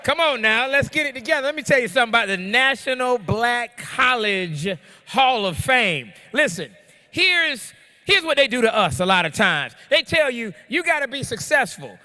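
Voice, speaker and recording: A man presenting an award at a ceremony, loud and excited, calling out to the crowd. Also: very high voice, moderate pace, in a large hall. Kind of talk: energetic ceremony speech. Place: large hall.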